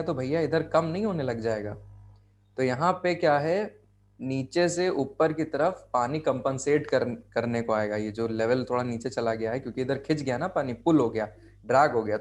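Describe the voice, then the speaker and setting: Man, Indian accent, geography tutor, video call lecture, repeats key phrases, checks understanding. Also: mid-range voice. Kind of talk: online class lecture.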